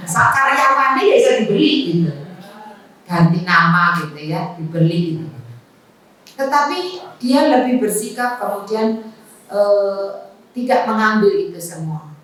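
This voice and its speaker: A woman religious teacher giving a conversational study lecture, mixing in jokes and asides. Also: a little high. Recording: echoey room, voice from far off.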